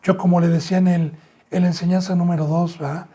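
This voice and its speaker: Husky pastor preaching emphatically. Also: male voice, flat delivery, quick pace, warm tone. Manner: preaches with rhetorical questions, addresses listeners as brothers and sisters; emphatic jumps in pitch and volume. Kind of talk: sermon.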